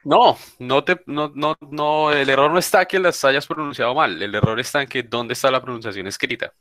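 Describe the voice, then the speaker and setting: A man's voice: medium pitch, moderate pace, bright, forceful tone, no echo. A man teaching an online English class, speaking informally and insistently and repeating his points. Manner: informal, calls students "papá", insistent repeating. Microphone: video call.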